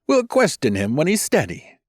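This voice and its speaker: A man voicing a smooth, scheming male leader who speaks in a soothing, brisk way. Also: fairly high pitch, wildly swooping pitch, a little mellow, dry recording, clean studio sound, pitched above the performer's own voice.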